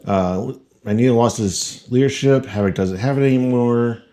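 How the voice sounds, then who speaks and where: A man playing a tabletop miniatures game, talking through his turn in a measured, dry way. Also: medium pitch, warm tone. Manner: measured, dry, counts moves out step by step. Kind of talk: casual game-table chat.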